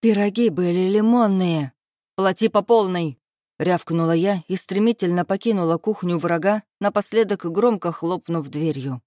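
A woman narrating a first-person novel in a lively, sharp-tongued way, with sharp outbursts in character. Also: on the low side, dry recording, studio quality. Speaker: audiobook narrator.

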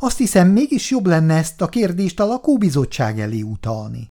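A man's voice: sing-song, mellow. A man voicing a touchy, nervous shopkeeper who pleads and takes offense in a raised, strained voice, in an audiobook reading. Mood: indignant. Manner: pleading, indignant, higher-pitched.

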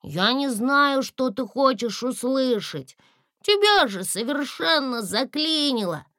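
Woman voicing a cheerful little boy dragon, high, excited, storybook. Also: slow, no echo, clean studio sound, exaggerated voice. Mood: patient. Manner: bright, excited, high, loud exclamations.

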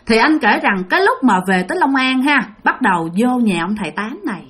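A woman's voice: fairly high pitch, a little fast, husky. A woman telling a ghost story, speaking directly to her listeners. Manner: animated, addresses listeners directly.

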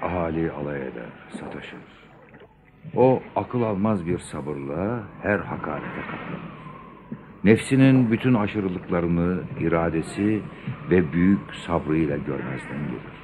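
Deep, expressive storytelling father. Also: measured pace. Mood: patient, solemn. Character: patient pious father telling his son a tale. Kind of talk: radio drama storytelling. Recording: clear background noise.

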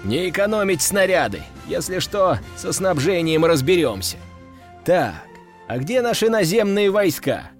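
A man's voice: sits high, very animated, unhurried, soft background music, full character voice. A man playing a smug bold commander. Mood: commanding. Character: cocky male commander, scheming and bold. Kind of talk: audiobook dialogue.

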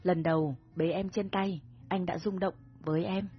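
A woman voicing a domineering but tender young man in a romance story, speaking softly and gently with a husky voice, over soft music. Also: lowish voice, steady tone, normal speed. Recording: dull recording with soft music.

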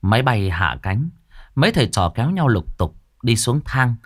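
A man narrating a comic folk tale in a lively, animated storytelling manner. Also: medium pitch, moderate pace.

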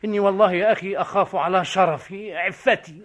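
رجل يؤدي دور متشرد مصري ظريف ماكر. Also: male voice, sits high, steady tone, quick pace, a bit bright. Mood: sly. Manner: joking, laughing, mocking. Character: cheeky witty Egyptian vagabond man. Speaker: stage actor. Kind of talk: stage comedy acting.

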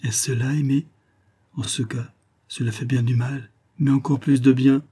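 A man voicing a shy, tender young girl in love in a storybook reading, speaking softly and breathlessly. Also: medium pitch, flat delivery, normal speed, slightly rough, pitched above the performer's own voice, close to an everyday voice.

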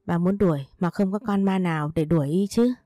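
Storybook husband, gentle and reassuring, read by a woman, low warm voice. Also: fairly quick, dry recording, clean studio sound, lightly acted. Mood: soothing. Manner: soft, soothing, patient. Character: gentle caring adult husband, man.

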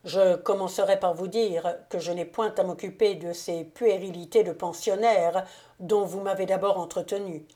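A woman's voice: fairly low pitch, fairly even intonation, normal speed, mellow, natural voice. Woman reading a sardonic scornful count. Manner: bitter, scornful. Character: proud sardonic male count, cold and mocking. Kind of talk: audiobook character reading.

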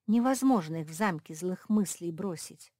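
A woman's voice: lowish voice, expressive, moderate pace, dark tone, dry recording, clean studio sound. A woman doing a firm, determined pug heroine. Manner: firm, insistent. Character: steady, determined female pug leader.

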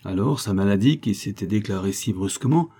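In scripted narration, a male audiobook narrator reads a classic novel aloud at a steady, measured pace. His voice is low and mellow with a husky grain.

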